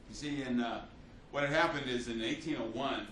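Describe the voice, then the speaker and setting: At normal speed, a man with a mid-range, somewhat bright voice teaches history unscripted, spinning it as a story with many fillers and restarts. A faint hiss or hum runs underneath. He's recorded from a distance in a room with echo.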